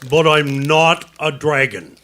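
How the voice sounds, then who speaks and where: A man's voice: a little high, slow pace, sharp tone, slight background noise. A man playing an easygoing scaly old monster. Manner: easygoing, offhand. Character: laid-back scaly old male fire-breathing monster. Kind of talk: audio drama.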